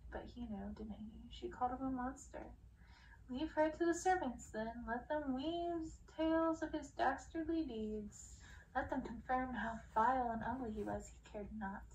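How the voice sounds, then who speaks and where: An audiobook reader with a fairly high, strongly creaky voice performs a dark fairy tale ASMR-style at normal speed. She draws out words dramatically and lets phrases trail toward a whisper, turning breathy and hushed in places. Her mic sits somewhat distant, with faint noise in the background.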